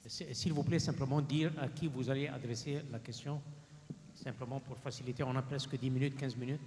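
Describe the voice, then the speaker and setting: A man's voice: mid-range voice, steady tone, fast, a little mellow. A man moderating a panel and explaining informally to an audience, repeating words as he goes. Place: large conference hall. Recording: reverberant hall with faint background noise.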